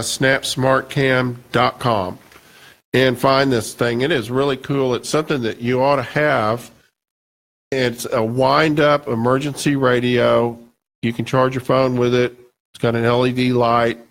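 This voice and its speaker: Rambling male radio host, gravelly voice. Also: medium pitch, a bit bright. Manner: rambling, halting, with many restarts and fillers. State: scratchy voice. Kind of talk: casual radio talk. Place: radio studio.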